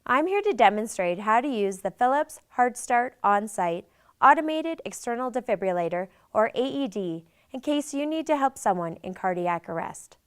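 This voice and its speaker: A middle-aged woman narrating a scripted training demonstration in a clearly enunciated, instructional manner. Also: a little high, sing-song, moderate pace, no echo, clean studio sound. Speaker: instructor, presenter.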